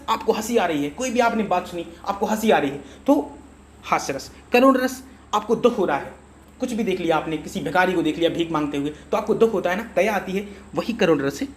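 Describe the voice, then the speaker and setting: A man's voice: sits high, a little hiss or hum. A man teaching a lesson for exam preparation, chatty and reassuring, often checking that his students follow along. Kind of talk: exam-prep lecture.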